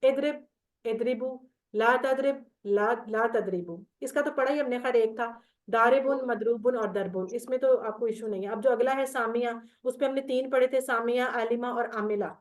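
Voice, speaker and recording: A woman's voice: a little high, moderate pace, darkish tone. Patient woman teaching a grammar class. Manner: patient, explains step by step, recites verb tables. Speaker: Quran Arabic grammar teacher. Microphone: video call.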